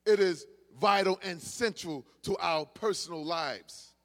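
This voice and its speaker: A male preacher with a high voice delivers a sermon to his congregation. He drops into quiet, conversational asides, then builds into loud, shouted exhortations. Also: measured pace. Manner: swings from low murmurs to shouted exhortation. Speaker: pastor.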